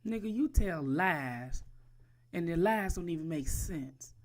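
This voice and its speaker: A woman's voice: fairly low pitch, lively intonation, slow pace. A woman delivering a profane, taunting roast on a livestream, crude and mocking, repeating her target's name again and again.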